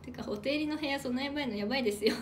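High-voiced chatty young idol woman. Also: racing, a little hiss or hum. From Hokkaido, Japan. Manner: reads out and thanks viewer comments; chatty, playful, eats while talking. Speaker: idol livestreamer. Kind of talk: casual solo livestream chat.

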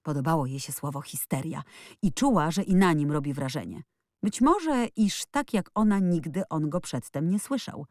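Woman narrator, audiobook, low voice, dry close sound, expressive. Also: normal speed, no room sound. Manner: expressive storytelling. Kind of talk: scripted narration.

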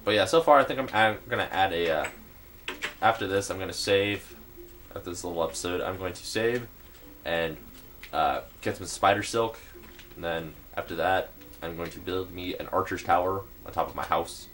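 A man's voice: deep voice, moderate pace, a bit bright. A young man casually narrating his game building, rambling with lots of fillers and hesitations. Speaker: gameplay video maker.

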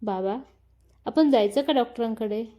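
A woman voicing a calm, practical elder brother who speaks matter-of-factly. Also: fairly high pitch, moderate pace, natural voice.

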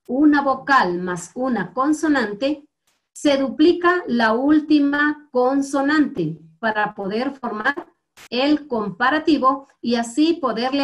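A woman with a Guatemalan Spanish accent is teaching young students an English lesson. Her voice is high, and she talks slowly and patiently, repeating every word so the class can copy and follow along.

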